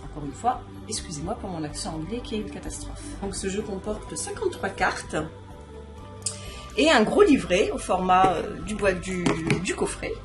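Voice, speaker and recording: A woman's voice: mid-range voice, lively intonation, normal speed, music in the background. A woman casually presenting and reviewing a deck of oracle cards in a vlog, chatty and explanatory, showing each item as she talks.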